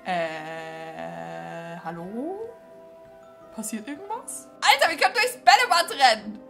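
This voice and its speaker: A woman hosting a let's-play gaming video, talking excitedly to her viewers in a chatty, casual way as she plays. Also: very high-pitched, brisk, over music.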